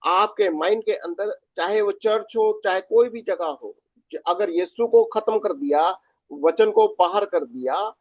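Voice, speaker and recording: A man's voice: sits high, unhurried, no room sound, dull audio. A man teaching a Bible study as pastor, mixing in English words and often restarting his phrases.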